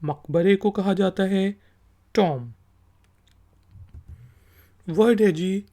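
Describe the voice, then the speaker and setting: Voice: mid-range voice, warm tone. A language teacher from Pakistan giving a patient lesson, spelling each word letter by letter and repeating it. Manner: patient and repetitive. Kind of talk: explanatory lesson.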